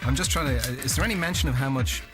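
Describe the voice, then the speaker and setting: Fast-talking joking Irish radio host. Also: male voice, a little high. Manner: joking, quizzing co-hosts. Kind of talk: casual radio chat. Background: music.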